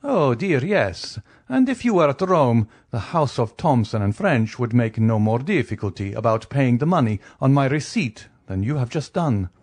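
A man's voice: mid-range voice, very animated, normal speed, few pauses, a little mellow, slightly rough, voice pushed up. A man voicing an urbane, wealthy count in an audiobook, politely ironic and entirely self-assured. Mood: polite irony. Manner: polite, teasing, unruffled. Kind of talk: audiobook character voice.

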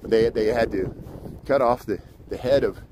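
A middle-aged man from Indiana, United States, with a Midwestern American accent and medium pitch, livestreams a walk through a city park. His chat is casual, halting and rambling, jumping between subjects. Traffic fills the noisy outdoor background.

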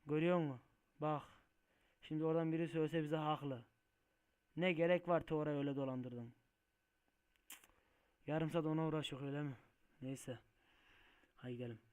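A man commentating his truck-driving game play, muttering to himself and breaking into frustrated shouts and swearing at mishaps. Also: a little high, fairly even intonation, moderate pace, pauses often, clean tone. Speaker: gaming video host.

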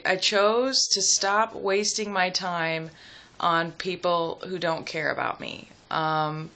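A young adult woman chatting casually and personally to the camera at home, hesitant and reflective, pausing as she thinks aloud. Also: on the low side, sharp tone. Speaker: vlogger. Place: small room at home, seated indoors.

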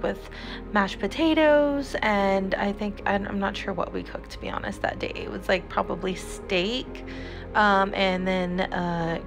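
A young woman talks through a casual home-cleaning voiceover, rambling easily with plenty of fillers and self-corrections. Her pitch sits in a middle range. Background music plays clearly beneath her voice. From San Antonio, Texas. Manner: rambling, chatty, many fillers and restarts. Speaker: cleaning vlogger.

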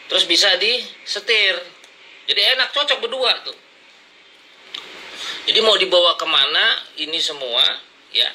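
A man's voice: fairly high pitch, pushed and bright, slight background noise, rough recording. A man ranting at his critics in blunt, confrontational slang, lecturing them from his seat. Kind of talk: heated casual rant to camera. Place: seated indoors, smoking and drinking coffee.

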